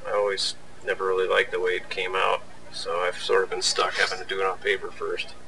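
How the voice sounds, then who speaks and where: Deep and creaky, this man's voice moves briskly with a totally flat delivery. He's an animator and video host casually narrating behind the scenes, mock-complaining with plenty of sarcasm. The mic sits at a distance, and faint background noise comes through.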